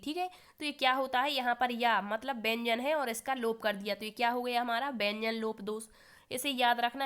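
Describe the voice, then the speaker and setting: A woman's voice: fairly high pitch, fairly bright tone, clear, resonant tone. A woman teaching an exam-prep lesson who keeps putting questions to the learners and then answering them herself, with a cough now and then.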